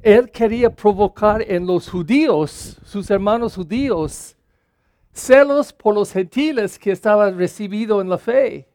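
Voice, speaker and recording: A man's voice: high-pitched, measured pace, a little mellow, no room sound, studio quality. A man, a parish priest, preaching a Sunday homily in an earnest way and repeating phrases for emphasis.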